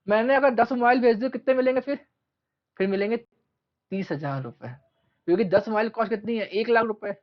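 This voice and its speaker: Male commerce teacher, asks then answers his own questions, muffled lo-fi sound. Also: high-pitched. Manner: asks questions and answers them himself, repeats key terms; stretches out terms slowly while writing. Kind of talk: classroom lecture. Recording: dull lo-fi recording.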